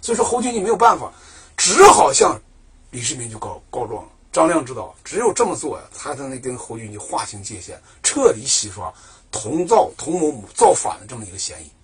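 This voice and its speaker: A man's voice: medium pitch, slightly rough. A man telling a history story in a chatty colloquial way, asking himself questions and answering them. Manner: lively, chatty, asks and answers his own questions.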